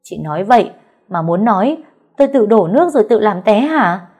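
A woman putting on a shrill scolding mother-in-law. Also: animated, brisk, husky. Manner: shrill, shouting and berating.

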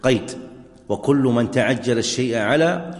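A sheikh gives a classroom lesson, restating each example with care and pausing to quiz his students. His voice rings through a large hall with a long, lingering reverb. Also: mid-range voice. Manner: deliberate, repeats examples and quizzes students. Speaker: sheikh teaching Islamic jurisprudence. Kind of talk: classroom lecture.

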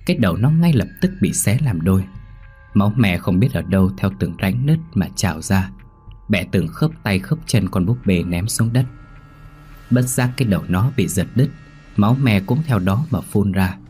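Deep dark-voiced male horror narrator. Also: faint music behind. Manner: steady, measured storytelling.

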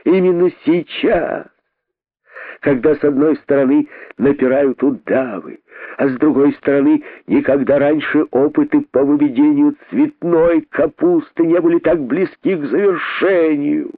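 A man's voice: lowish voice, big pitch swings, extremely slow, husky, no echo, full character voice. A grim, pompous rabbit king scolds and accuses with theatrical weight, voiced by a man reading a storybook. The sound is narrow and phone-like, with no room around it. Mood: sarcastic accusing.

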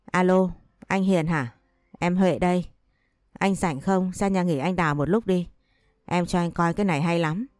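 Picture a woman reading out a betrayed wife in a storybook, sharp-tongued and vengeful, hurling threats at her rival. The voice sits low and dark, with a dry close sound and no room around it. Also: normal speed, dry recording, lightly acted. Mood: coldly insistent. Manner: scolding, cursing, threatening.

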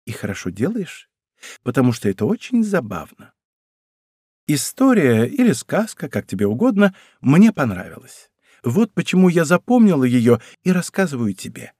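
A man's voice: huge pitch swings, normal speed, mellow, breathy edge, no room sound, studio quality, full character voice. A man reading an audiobook, voicing a young court lady who speaks with mocking irony. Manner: ironic, chatty, raised pitch. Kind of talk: audiobook character voice.

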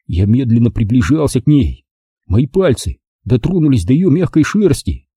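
Dark, husky male storybook narrator. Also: medium pitch, no room sound, clean studio sound. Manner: lively, expressive first-person telling. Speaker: audiobook reader.

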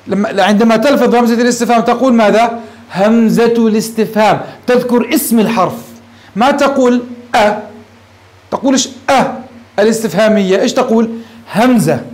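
A man's voice: very high voice, fairly quick, darkish tone. A man teaching an Arabic grammar lesson, asking his class questions and answering them himself, calling his listeners dear ones. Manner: mixes formal Arabic with colloquial asides.

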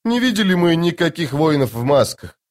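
A man voicing a bloodied, gruff woman lieutenant who gives curt orders in an audiobook. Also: low voice, sing-song, fairly quick, darkish tone, voice pushed up. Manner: curt, commanding. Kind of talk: audiobook character voice.

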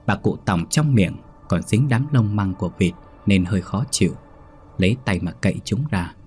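A man reading a scripted horror story in a steady, measured way. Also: low voice, faint music behind.

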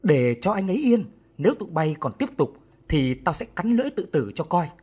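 A man voicing a fierce young woman who shouts defiant threats at her captors in a storybook reading. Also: fairly low pitch, big pitch swings, brisk, husky, voice pushed up.

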